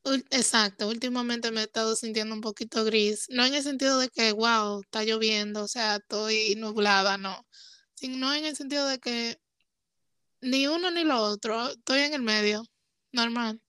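A woman's voice: fairly high pitch, moderate pace, sharp tone, clear, resonant tone, no room sound. A young woman guest on a podcast, talking candidly and emotionally, dropping English phrases into her speech. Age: young adult. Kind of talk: casual conversation.

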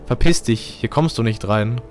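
A man's voice: mid-range voice, normal speed, close to an everyday voice. Blunt, protective brother in a horror story, voiced by a man, mid-range voice, curt delivery, faint music behind. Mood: hostile. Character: loyal, blunt adult brother, steady and protective. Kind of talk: voicing a character in horror story narration.

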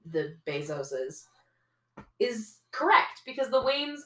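Woman, bright, animated podcast co-host, frequent laughs, echoey room. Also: a little high, slow pace. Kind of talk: casual chat.

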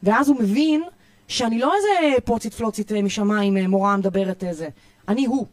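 A woman youth coach with an Israeli accent, giving parenting tips in a podcast interview in an energetic, emphatic way, often repeating herself. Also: mid-range voice, no room sound. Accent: Israeli Hebrew. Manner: energetic, repetitive, emphatic listing.

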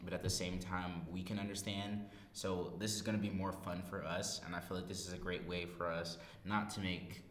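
Deep-voiced young man in an echoey room. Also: flat delivery, normal speed, hardly any pauses, fairly bright tone. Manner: self-deprecating, joking. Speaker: podcast host. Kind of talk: casual unscripted chat. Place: small echoey library study room. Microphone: podcast microphone. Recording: echoey room, reverb, background noise.

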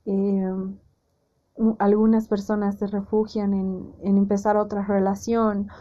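A young woman hosting a podcast, giving gentle, conversational advice and often acting out inner voices. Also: mid-range voice, flat delivery, measured pace, lo-fi sound. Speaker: podcast host. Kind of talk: casual advice monologue.

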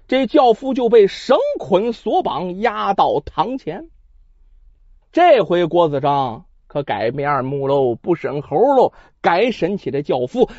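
Male traditional storyteller, very lively pitch, chatty asides, dry and a bit dull recording. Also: dry recording. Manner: animated, chatty asides to listeners.

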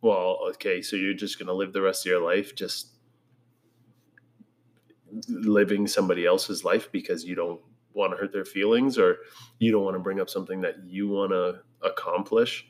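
A man's voice: low-pitched, steady tone, normal speed. A man chatting casually with his wife, dry and teasing in a laid-back way. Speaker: husband, podcast guest. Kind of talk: casual couple chat.

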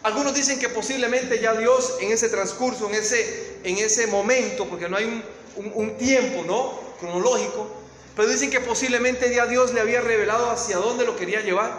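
A man with a Latin American Spanish accent preaching a sermon, telling a story dramatically and swinging from hushed tones to shouts. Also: very high voice, normal speed, reverberant, big-room sound, slight background noise, low-quality recording.

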